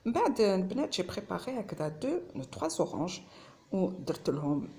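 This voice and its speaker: A woman with an Algerian accent chats casually through a home cooking vlog, blending Algerian Arabic with French. Her medium-pitched voice is very animated, fast and a little mellow.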